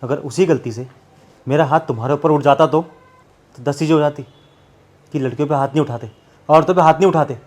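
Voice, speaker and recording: In a scripted short film, an actor plays a live-in partner, a proud and hurt young man who argues defensively before going cold and bitter and walking out without warmth. His voice is a little high and slightly mellow, close to everyday speech, with a fairly quick pace and frequent pauses.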